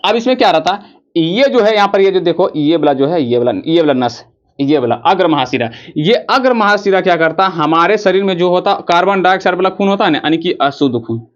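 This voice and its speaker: In a school biology lesson on the heart and blood flow, a man draws on the board as he explains, asking the class questions and answering them himself while repeating key words. His voice is high, animated and fairly quick, and the recording has its highs cut off.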